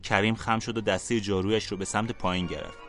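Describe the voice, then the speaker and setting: A man calmly narrating a fantasy storybook for a podcast. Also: lowish voice.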